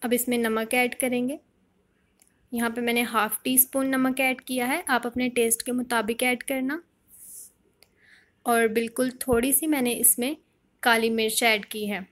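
Speaking at a measured pace, this cooking voice-over comes from a woman from Pakistan whose voice sits fairly high. She guides home cooks through the recipe one step at a time, calm and straightforward.

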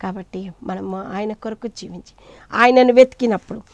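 A woman preaching a sermon, swinging between loud cries and hushed asides as she retells scripture in quoted voices. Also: mid-range voice, normal speed, no echo, dull audio.

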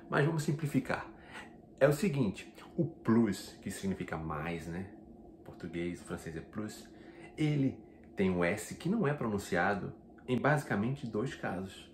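Low-voiced man teaching in an echoey room. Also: a little mellow. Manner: explains step by step, slows down for French examples. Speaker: French teacher. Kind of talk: casual video lesson. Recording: echoey room, faint background noise.

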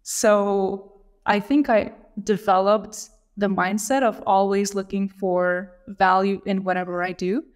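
A woman's voice: mid-range voice, fairly even intonation, measured pace, smooth. Thoughtful woman from Lithuania. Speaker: guest, operations leader. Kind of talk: casual interview chat. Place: small room at home. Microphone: video call with earbuds.

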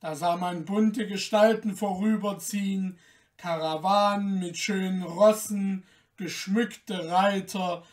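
A man reads a fairy tale aloud in a calm, gentle storytelling voice. His voice sits high for a man and he takes his time. The microphone is a little distant. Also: slow pace. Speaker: storyteller, podcast host.

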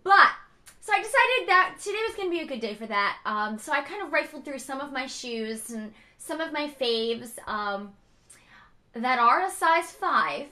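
A young woman vlogging casually from home, chatty and bubbly, her voice raspy from a cold. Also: high-pitched, animated, normal speed, sharp tone. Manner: bubbly and chatty, with many fillers.

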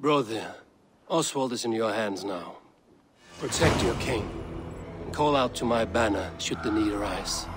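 An actor playing a loyal, resolute Viking clan leader in a dramatic video game scene. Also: male voice, fairly low pitch, lively intonation, unhurried, heavy background noise. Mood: stirring, firm.

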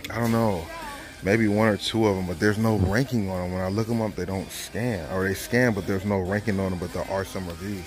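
A man in his thirties chatting casually to viewers while browsing a large store, filming on a handheld phone. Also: sits low. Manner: casual, chatty, thinking aloud. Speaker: reselling vlogger. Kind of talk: casual shopping vlog. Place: large retail store, indoors.

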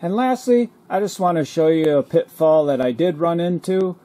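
A man with a slightly high voice explains his welder settings and technique in a calm, reassuring way. He is recorded on a camera mic near the work in a garage workshop. A steady hum and crackling welding noise sit clearly behind his voice. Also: normal speed. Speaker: auto body repair instructor. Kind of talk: welding tutorial narration.

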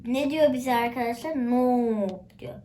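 A woman hosts her channel, commenting on a game with frequent exclamations. Her voice sits high and she talks at a relaxed, unhurried pace. A faint hiss and some clicks sit under the recording. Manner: chatty, exclaims often, talks to viewers. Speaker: gamer, channel host. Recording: faint background noise and clicks.

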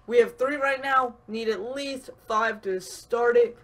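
A man's voice: extremely high pitch, measured pace. A man hosting a gaming channel, giving casual, rambling pack-opening commentary with lots of fillers. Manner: relaxed, rambling, frequent fillers.

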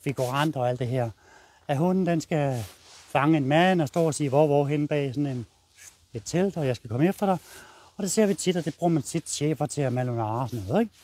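A man's voice: a little high, a little mellow. A man with a Danish accent, a dog trainer explaining his method in a blunt, casual way while walking a dog outdoors.

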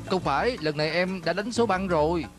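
A man's voice: high voice, brisk, faint music behind, natural voice. A man dubbing an anxious, placating male film crew assistant in a TV drama. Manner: placating and apologetic. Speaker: dub actor. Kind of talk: Vietnamese dub of a TV drama.

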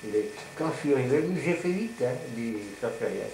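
A man's voice: medium pitch, expressive, quick pace. An elderly man with a grandpa voice, casually telling rambling, colloquial stories of his past. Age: elderly, 70s or older. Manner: grandpa voice: old man's rambling, colloquial storytelling. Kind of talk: casual reminiscing and storytelling. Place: living room at home. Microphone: camcorder microphone across the table. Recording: roomy, noisy home camcorder recording.

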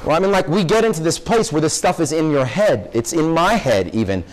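A young man, a professor, giving a conversational classroom lecture to high school students and peppering them with questions. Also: lively intonation, brisk, low-quality recording. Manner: conversational, asks the audience lots of questions. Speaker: guest speaker, professor.

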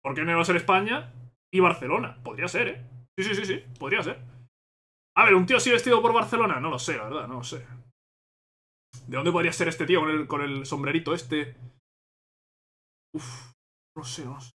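A man with a Spain Spanish accent, reacting excitedly to a game trailer and thinking aloud as he repeats himself. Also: a little high, brisk, long pauses.

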